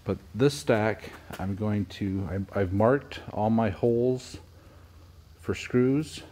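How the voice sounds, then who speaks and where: A man's voice: on the low side, takes it slowly, dark tone. A middle-aged man in a pole barn workshop, plainly explaining how he puts up steel siding, step by step, with small restarts. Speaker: homestead video host. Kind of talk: casual how-to narration.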